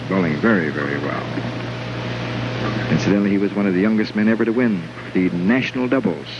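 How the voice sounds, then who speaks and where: A man calling live bowling play-by-play, excitedly repeating phrases as the action peaks, on an old television broadcast. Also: on the low side, fast talker. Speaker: bowling commentator. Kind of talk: live sports play-by-play commentary. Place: bowling alley. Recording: noisy dull vintage 1950s TV broadcast.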